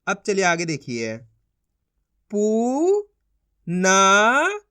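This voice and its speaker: A man's voice: high-pitched, wildly swooping pitch, bright, forceful tone, smooth. A man teaching reading, sounding out each syllable and then saying the whole word, talking to his viewers as friends. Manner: addresses viewers as friends, asks them to pause and try. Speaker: Hindi teacher. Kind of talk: slow phonics lesson, sounding out syllables.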